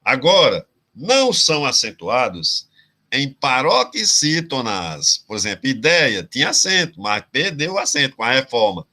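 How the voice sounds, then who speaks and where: A man from Ceará teaching a Brazilian exam-prep class, explaining grammar rules slowly and checking in with his students again and again. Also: medium pitch, sing-song, bright, forceful tone. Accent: Brazilian Portuguese, Ceará. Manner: drawn-out explanations with frequent "tá certo?" check-ins. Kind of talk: online exam-prep lesson.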